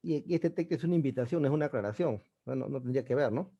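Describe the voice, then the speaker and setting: A man's voice: medium pitch, fast, warm tone, lo-fi sound. A male teacher giving an online exam-prep class over a video call, explaining step by step and often checking in with his students. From Peru.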